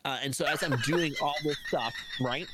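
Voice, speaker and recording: Animated storytelling man on a podcast. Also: a little high, normal speed, noisy background. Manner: animated storyteller, acts out his own remarks. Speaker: podcast co-host. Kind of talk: casual podcast chat.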